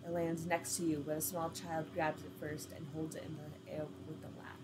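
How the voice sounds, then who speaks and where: A woman's voice: deep voice, monotone, moderate pace, very noisy. A woman reading an interactive story game aloud, with casual, laughing asides.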